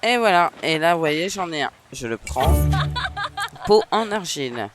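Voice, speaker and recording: A man's voice: on the high side, lively intonation, unhurried, loud music behind the voice. A man with a northern French accent giving casual, chatty let's-play commentary, with frequent hesitations. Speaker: gaming streamer.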